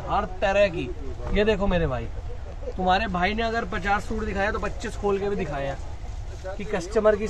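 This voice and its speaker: A man selling wholesale suits in a sales pitch video, with pushy patter that keeps calling the viewer brother, recorded in a fabric shop. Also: poor audio. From India. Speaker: wholesale suit seller.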